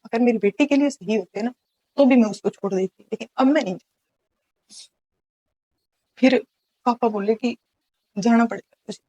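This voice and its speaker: A woman's voice: on the high side, darkish tone, no echo, rough recording. Brief: young woman from Haryana, interview guest, earnest personal storytelling with restarts. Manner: earnest, recounting events with many restarts and quoted dialogue. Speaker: guest telling her life story.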